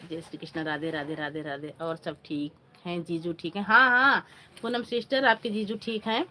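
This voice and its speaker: A woman's voice: fairly low pitch, fairly even intonation, normal speed, pushed and bright, slight background noise. A woman hosting a casual live stream on her phone, chatting with viewers, greeting them by name and asking for likes. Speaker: livestream host.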